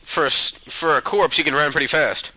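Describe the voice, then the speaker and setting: A man's voice: on the high side, brisk, bright, forceful tone, poor audio. A man hosting a let's play, giving casual gaming commentary and swearing freely on a close mic.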